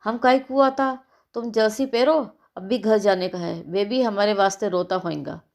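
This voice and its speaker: A woman's voice: medium pitch, steady tone, normal speed, vocal fry, a little mellow, close to an everyday voice. A woman voicing a grumbling middle-aged female nanny who speaks broken, ungrammatical Hindi and complains constantly. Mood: fussing grumble. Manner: complaining, fussing.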